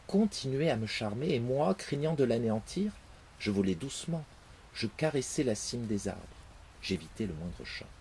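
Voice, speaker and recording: A man reading a fairy tale aloud, expressive in his first-person telling. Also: mid-range voice, breathy edge. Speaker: narrator. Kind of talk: storybook reading.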